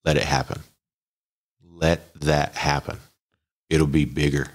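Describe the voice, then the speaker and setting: A man with a low, husky voice chats as a guest on a podcast. He tells stories in an easygoing, unhurried way, close on a podcast mic. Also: flat delivery. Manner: easygoing, drawn-out storytelling. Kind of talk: casual podcast chat. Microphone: podcast dynamic mic.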